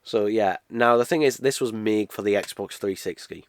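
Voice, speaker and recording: Speaking at a normal speed in a voice on the low side, a twenty-something man from the UK sounds nasal with a cold. His casual game unboxing review rambles, packed with uhs and false starts.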